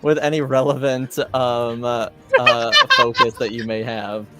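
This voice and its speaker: A man with a mid-range voice narrates off the cuff as a tabletop RPG game master, stumbling now and then as he searches for the right words. Loud music plays behind him.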